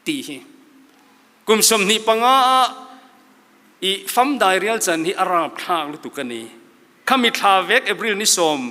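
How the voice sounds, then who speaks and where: A man's voice: sits high, sharp tone. A church elder from Mizoram giving an earnest, exhorting motivational sermon to young people, quoting scripture as he goes. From Mizoram, India. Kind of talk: sermon-style motivational speech. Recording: long hall reverb.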